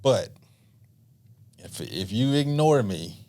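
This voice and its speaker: A middle-aged man, a marriage counselor on a podcast, explaining in a relaxed, talkative way and acting out couples' lines. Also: medium pitch, takes it slowly. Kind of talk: casual podcast conversation.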